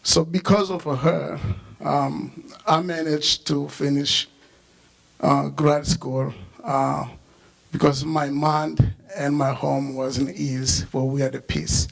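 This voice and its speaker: A young man from the Congo, not a native English speaker, giving a halting personal remembrance at a memorial service with many fillers. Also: fairly high pitch, flat delivery, gravelly, poor audio. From Democratic Republic of the Congo.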